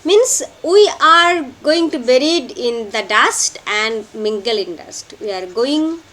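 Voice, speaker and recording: A woman teaching a play in a lecture, slowly and emphatically, repeating key phrases for notes. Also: fairly high pitch, expressive, a bit bright. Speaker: literature teacher. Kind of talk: lecture explaining a play line by line.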